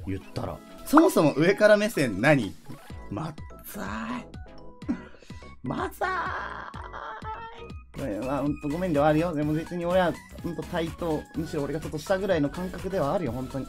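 A man's voice: a little high, animated, fast, hardly any pauses, faint music behind. A man streaming, chatting casually and teasingly with his viewers. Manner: teasing, bantering with chat.

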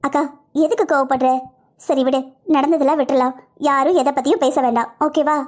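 A woman's voice: high voice, fairly even intonation, brisk, close to an everyday voice. A woman voicing a young wife and younger sister who speaks sweetly and consolingly in a cartoon family drama. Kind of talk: cartoon voice acting.

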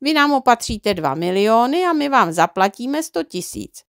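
A woman voicing a greedy, hot-tempered man in a storybook, speaking loud and indignant. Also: fairly high pitch, very animated, dry recording, studio quality, voice pushed up. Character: greedy blustering man, quick to anger.

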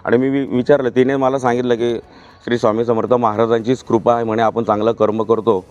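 A man, interviewed for the news, speaking haltingly with many pauses and restarts. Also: medium pitch, level tone, a little mellow, muffled recording. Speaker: interviewee, husband of a tourist.

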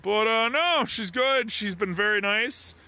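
Bright-voiced man chatting behind the camera. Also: sits high, unhurried. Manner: chatty, rambling, affectionate toward the animal. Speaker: farm vlogger. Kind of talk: casual vlog narration. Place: outdoors on a farm, behind the camera.

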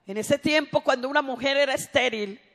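A woman preaches a sermon in a very high voice, moving between intimate storytelling and loud, fervent calls to her congregation. Her words ring out with a long reverb, as in a large church hall. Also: a little fast. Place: church sanctuary.

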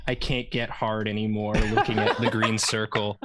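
A man cracking dry jokes on a drawing show, with a drawn-out delivery. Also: fairly low pitch, level tone, loud music behind the voice. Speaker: show regular.

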